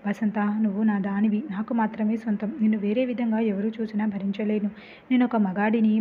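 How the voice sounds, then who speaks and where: A woman's voice: mid-range voice, close to an everyday voice. Picture an impatient, jealous young husband who demands answers in a level, unvaried voice as a woman narrator puts him on. The sound is thin and phone-like, with a faint hiss. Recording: tinny phone-like recording with faint noise.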